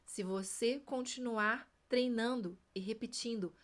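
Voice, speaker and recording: A woman with a somewhat high voice teaches Spanish pronunciation. She speaks at an unhurried pace, models phrases slowly for the learner to repeat, and reassures them warmly. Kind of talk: pronunciation lesson.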